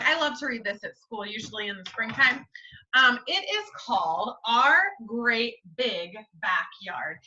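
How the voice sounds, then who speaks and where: An American school teacher hosts storytime at home for her young pupils, reading in an expressive sing-song voice and putting questions to the children along the way. Her pitch is on the high side. The distant mic gives a roomy echo and a slightly dull sound.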